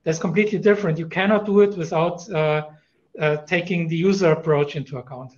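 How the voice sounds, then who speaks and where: A man's voice: on the high side, fairly even intonation, a little fast, dull audio. A man with a German accent speaking as a panelist in a conference discussion over a video call, thoughtful, with many fillers and restarts.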